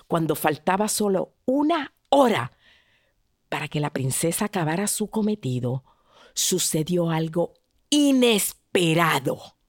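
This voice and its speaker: A woman's voice: fairly low pitch, big pitch swings, normal speed, darkish tone, no echo, studio quality. A woman hosting a love advice podcast, telling a story expressively and speaking directly to the listener.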